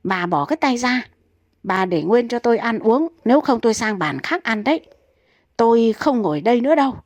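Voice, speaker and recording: A woman's voice: mid-range voice, sing-song, normal speed, darkish tone, no room sound. Woman reading as a grumpy old husband, snappish, stubborn, dry close sound, comic storybook. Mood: irritated. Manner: snapping, exasperated retorts.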